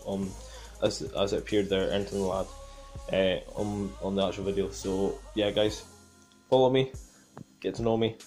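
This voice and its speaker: Very deep-voiced young man, halting. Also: fairly even intonation, darkish tone, faint music behind. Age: 20s. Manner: halting, repetitive. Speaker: vlogger. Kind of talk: casual vlog update to viewers. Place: small room at home. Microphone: phone at arm's length.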